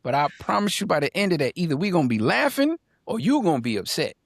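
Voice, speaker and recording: A man's voice: a little high, wildly swooping pitch, fast talker, gravelly, dry recording, studio quality. A man co-hosting a casual podcast panel, talking emphatically, repeating lines for punch and reading viewer comments aloud. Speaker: podcast co-host.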